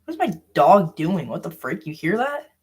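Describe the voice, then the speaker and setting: A man's voice: sits high, big pitch swings, moderate pace, slightly rough. A young man from the American South, chatting casually to viewers on a live stream, rambling with lots of fillers while he sets things up.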